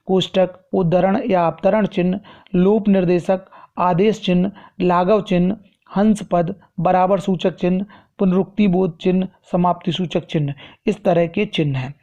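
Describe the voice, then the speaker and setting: A man teaching a grammar lesson in a measured, explanatory way, repeating key phrases, in a dull lo-fi recording. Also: high-pitched, vocal fry, dark tone.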